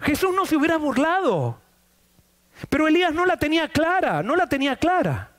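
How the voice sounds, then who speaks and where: A man's voice: extremely high pitch, big pitch swings, moderate pace, a bit bright. A man preaching a sermon to a congregation in a church, asking them questions and answering them himself. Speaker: pastor.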